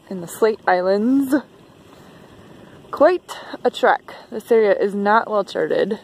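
A chatty woman in her thirties films herself on a sailboat with a handheld camera held at arm's length. She talks in a mid-range voice and laughs easily. Wind and water noise sit clearly under her voice. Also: medium pitch, darkish tone, low-quality recording. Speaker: sailing vlogger. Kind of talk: casual vlog narration. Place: on a sailboat on a foggy lake and in the cabin. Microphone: handheld action camera at arm's length.

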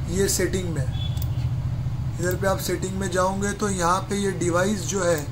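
A man casually walking viewers through a camera setup step by step in a phone repair workshop, talking to them like friends. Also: sits high. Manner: chatty, addresses viewers as brother, step-by-step. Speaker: mobile repair technician. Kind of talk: casual how-to walkthrough. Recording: noisy room with street traffic.

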